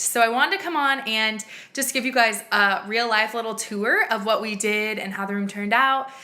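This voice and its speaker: A woman chatting casually and informally as she gushes through a live home makeover reveal tour. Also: medium pitch. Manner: gushing, excited makeover reveal. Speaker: home decor blogger giving a live video tour. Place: indoors in a home dining room.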